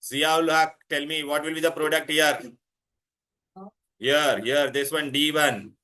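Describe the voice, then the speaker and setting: Indian male classroom teacher, higher-pitched and forceful, repetitive questioning, some Hindi mixed in. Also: fairly even intonation, a little slow. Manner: insistent, repeating himself and questioning students; mixes Hindi words into English. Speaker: chemistry teacher.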